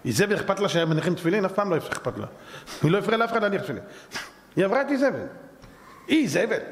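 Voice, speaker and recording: A rabbi delivers a fiery lecture in a high, pressing voice, hurling rhetorical questions at his listeners. His words ring out with a long reverb trailing behind them. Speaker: rabbi giving a lesson. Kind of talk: impassioned religious lecture.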